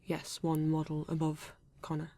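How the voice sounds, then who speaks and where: A woman voices a newly awakened male android police detective with a British accent, using a low, even voice in a dry recording. In this ASMR roleplay aimed at the listener, the character sounds polite and reserved, phrasing things formally, stiffly, and deliberately with halting pauses.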